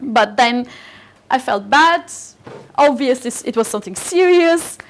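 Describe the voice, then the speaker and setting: This woman, in her forties and a native Turkish speaker from Bulgaria, speaks a little slowly in a high, expressive voice. Telling a personal story at an event, she's hesitant, often restarting and filling gaps, and laughing frequently.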